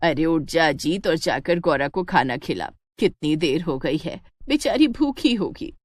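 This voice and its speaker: A woman's voice: low voice, animated, a little slow, no room sound, studio quality. A woman voicing a mother who calls out and nags her lazy son, in a cartoon. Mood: scolding. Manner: calling out, nagging. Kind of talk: cartoon voice acting.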